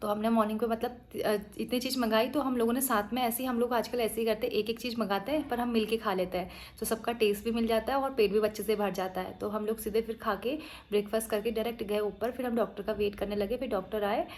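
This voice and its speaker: Vlogger type, woman, chatty and teasing, a bit tired, mellow steady voice. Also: a little high, fast. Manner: chatty, teasing, storytelling with quoted asides. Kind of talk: casual vlog narration.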